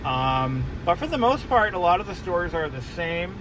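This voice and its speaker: A man's voice: high-pitched, very animated, normal speed. A young man from New England chatting casually to camera while he drives, rambling and correcting himself with frequent ums. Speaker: car vlogger. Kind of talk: casual driving vlog. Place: inside a moving car. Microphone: phone camera on the dashboard. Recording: car and road noise behind.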